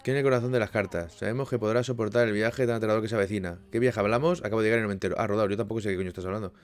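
A young man from chatting casually with viewers on a live stream, rambling with lots of restarts and sudden loud bursts. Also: on the low side, fairly even intonation, very fast.

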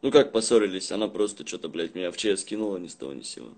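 A young man chatting casually on a livestream in rough, swear-heavy street slang, rambling and halting as he goes. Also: sits low, lively intonation, darkish tone. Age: young adult. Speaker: live streamer. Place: small indoor room at home. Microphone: phone at arm's length.

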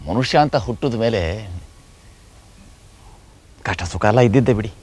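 An actor playing a weary, reflective husband who speaks in a subdued, resigned way, in a TV serial. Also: male voice, fairly low pitch, lively intonation, moderate pace, a little mellow, slightly rough. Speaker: troubled husband. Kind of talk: TV serial acting.

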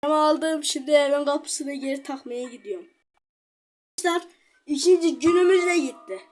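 A woman giving chatty, excitable gameplay commentary, talking straight to her viewers. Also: sits high, moderate pace, faint music behind. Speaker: gaming channel host.

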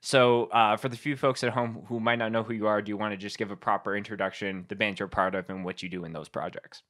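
A man in his thirties hosts in a relaxed, conversational style, often pausing on fillers. His voice is fairly low but has a bright, forward edge. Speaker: podcast host. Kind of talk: casual chat. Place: indoor room at home, on a video call. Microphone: microphone on a boom arm, headset.

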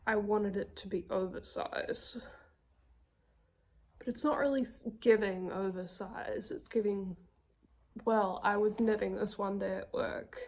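A young woman with a southern New Zealand accent, chatting casually about her knitting projects, self-deprecating and quick to laugh. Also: medium pitch, creaky, a little mellow. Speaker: knitting podcast host.

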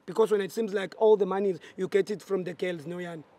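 High-voiced South African man hosting. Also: steady tone, fast, mellow, dry recording. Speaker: vlog host confronting a debtor. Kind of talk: street confrontation vlog, mixing languages.

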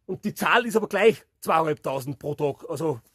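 A man in his thirties from Lower Bavaria, Germany, with a Bavarian accent, hikes a rocky forest trail in winter while chatting and sharing opinions with a handheld camera held at arm's length. His voice is a little high, animated and fairly bright with a breathy edge, and he talks quickly. He hosts a hiking vlog channel, and the talk is casual outdoor chat to camera.

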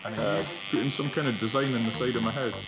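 A man co-hosting a travel show, tossing out dry, quick quips in a barbershop. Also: medium pitch, crowd noise, poor audio. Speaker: co-host. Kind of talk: casual travel-show chat. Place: indoor barbershop. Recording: music bed under speech. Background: background music.

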